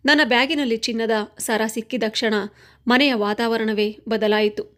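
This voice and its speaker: A woman with a somewhat high voice tells a scripted first-person family drama as an audio story. She narrates in a dramatic, steady storytelling manner, reading each line cleanly. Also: normal speed.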